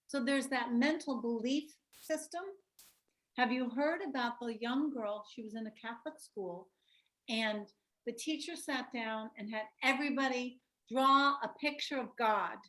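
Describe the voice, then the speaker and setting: A woman's voice: a little high, a bit bright. A woman presenting an online workshop on a video call, talking reflectively, telling stories and asking the group questions.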